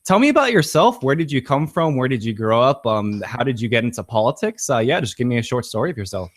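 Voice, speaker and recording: Podcast host guy, talks fast, eager, bit stumbly. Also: mid-range voice, sing-song. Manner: eager, stumbling over words. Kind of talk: casual interview chat.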